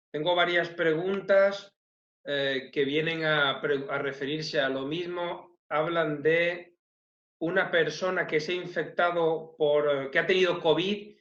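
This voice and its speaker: A man moderating a webinar, calmly reading out audience questions. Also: a little high, echoey room, dull audio. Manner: calm, brief acknowledgements.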